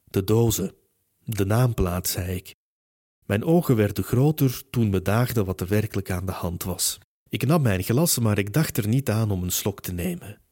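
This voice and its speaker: Low, warm-voiced male audiobook narrator. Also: expressive, normal speed, no room sound, clean studio sound. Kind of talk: first-person scripted narration.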